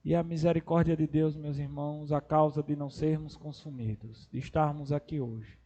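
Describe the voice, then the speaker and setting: Pastor, high voice, passionate sermon, loud cries and hushed stretches. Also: male voice, fairly even intonation, dull audio. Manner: impassioned, swinging between loud cries and soft, drawn-out words. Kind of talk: expository sermon.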